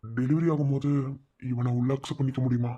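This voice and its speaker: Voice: medium pitch, steady tone, fast talker, warm tone, slightly rough, dull audio, natural voice. Someone voicing a worried, hesitant young man. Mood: anxious. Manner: hesitant, polite, anxious. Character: worried young male relative. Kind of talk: cartoon voice acting.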